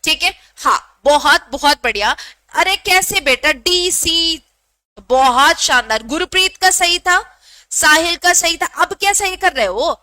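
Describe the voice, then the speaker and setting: Running a live online class for exam preparation, a Hindi teacher speaks in a very high, bright voice with lively intonation. She's brisk and playfully scolding, repeating every question. The recording is close and dry, without any surrounding room.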